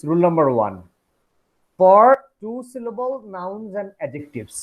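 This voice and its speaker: A man's voice: high voice, a little mellow. A man teaching an English phonetics class, switching between Bengali and English and often asking whether the students follow. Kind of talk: classroom lecture.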